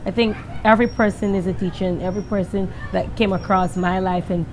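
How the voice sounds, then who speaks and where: Speaking briskly with fairly even intonation in a mid-range voice, a young Guyanese singer handles an interview with confidence, frequent laughter and emphatic delivery. The interviewer holds the handheld mic as they stand by a balustrade on an outdoor terrace, with noise in the background.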